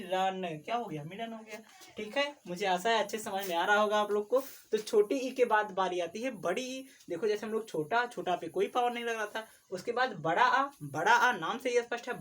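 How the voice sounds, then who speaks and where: A man's voice: high-pitched, far from the mic. Man teaching syllables, away from the mic. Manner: repetitive, drills syllables aloud, sounding some forcefully and others softly; asks questions and answers them himself. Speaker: Hindi teacher. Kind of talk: classroom lesson on vowel marks.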